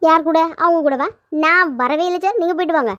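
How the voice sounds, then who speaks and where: A woman voicing a sharp-tongued, teasing young woman in a cartoon, firing back quick mocking retorts. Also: extremely high pitch, no room sound. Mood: sassy. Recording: dull lo-fi sound.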